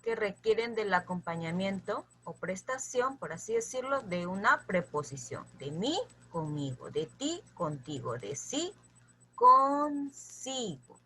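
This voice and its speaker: A woman's voice: medium pitch, sing-song, slow, pushed and bright, a little hiss or hum. A woman teaching a grammar lesson, patiently addressing her students and checking in with them often as she repeats lists for them to memorize.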